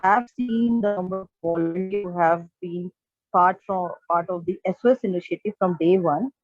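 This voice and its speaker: A woman volunteer on a video call asks the panel a question, slowly and haltingly, as her audio keeps breaking up and glitching. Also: fairly low pitch, fairly even intonation, no room sound, muffled recording, faint music behind. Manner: slow and halting, with fillers. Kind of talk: online panel Q&A.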